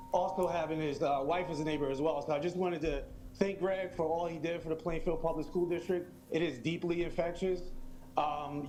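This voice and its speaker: Halting man making an earnest plea. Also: fairly high pitch, darkish tone, slight background noise, rough recording. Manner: halting, many fillers, then earnest pleading. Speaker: public commenter. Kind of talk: public comment at a meeting.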